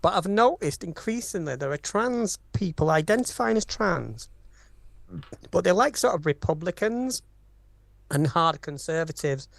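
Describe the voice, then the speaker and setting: A woman's voice: fairly low pitch, lively intonation, measured pace, creaky, no echo. Woman cohosting a live chat, opinionated and emphatic, pretty dry sound. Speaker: podcast co-host.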